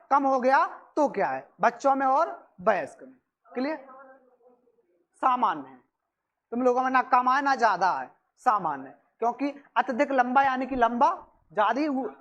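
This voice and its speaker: A woman lectures a room of students. She fires off quick questions, answers them herself and repeats each key term until it sticks. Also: high-pitched, a bit bright. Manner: repeats key terms, brisk and chatty with students. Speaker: coaching-class teacher. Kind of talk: classroom lecture for exam prep. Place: classroom with students.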